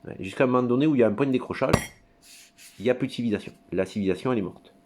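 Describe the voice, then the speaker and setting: A man's voice: medium pitch, very fast, noisy background. A man giving a rambling, crude monologue at his computer, full of hesitations and digressions. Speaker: commentator.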